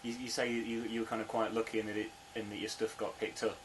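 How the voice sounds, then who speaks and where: A man's voice: on the low side, flat delivery, quick pace, noisy background. A male interviewer asking loose, hedging questions full of fillers.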